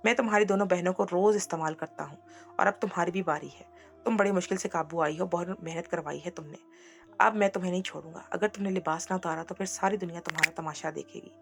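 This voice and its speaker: A woman's voice: on the low side, fast, creaky, soft background music. A woman reading the lines of a threatening male servant in his fifties who looks elderly, in a storybook reading. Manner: threatening, gloating.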